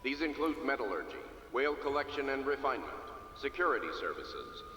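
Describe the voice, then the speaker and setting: An actor playing a stern official announcer, speaking formally over a loudspeaker. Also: male voice, mid-range voice, very animated, a little fast, slight background noise. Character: stern male public address announcer of a regime. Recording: echoey loudspeaker with long reverb.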